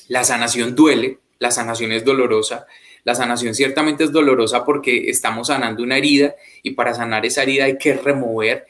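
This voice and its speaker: A man's voice: medium pitch, a bit bright. A young man, earnestly telling his personal faith testimony in a reflective way. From Colombia. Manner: earnest, reflective, quotes others in a raised voice. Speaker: guest giving a faith testimony.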